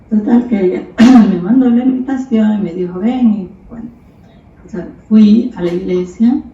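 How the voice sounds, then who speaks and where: A woman's voice: medium pitch, measured pace, pauses often, warm tone. A woman giving a casual personal testimony of faith, hesitant and searching for words, acting out remembered conversations. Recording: distant, roomy, tinny phone-line audio with faint noise.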